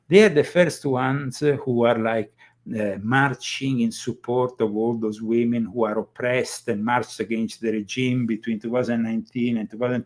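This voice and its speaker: A man hosting a political commentary show, talking casually with halting starts and many fillers. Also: mid-range voice. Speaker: host.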